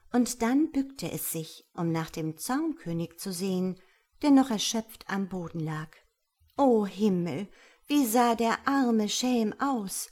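A woman reading a Christmas fairy tale aloud in an expressive, lilting manner. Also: medium pitch. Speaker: storyteller. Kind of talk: storybook reading.

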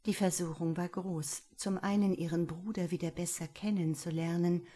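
A woman reading a novel aloud in calm, measured scripted narration. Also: fairly low pitch. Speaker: audiobook narrator.

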